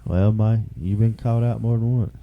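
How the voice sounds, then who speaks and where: A man hosting a podcast in casual chat, with a relaxed Southern drawl, rambling and quick to laugh. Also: narrow, tinny audio. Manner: laid-back, laughs easily, rambling pitches for support. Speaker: podcast host.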